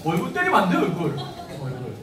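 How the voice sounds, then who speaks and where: A man's voice: sits high, huge pitch swings, fast talker, crowd noise. A man, a pastor, giving a sermon to parents, acting out parent and child voices and putting questions to the congregation. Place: church hall. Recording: echoey church hall, mic at a distance.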